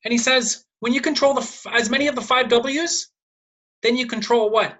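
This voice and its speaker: Woman host, bright and tense voice, drives points home by asking and answering her own questions. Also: a little high, steady tone, normal speed. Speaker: numerology video host. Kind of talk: solo video monologue.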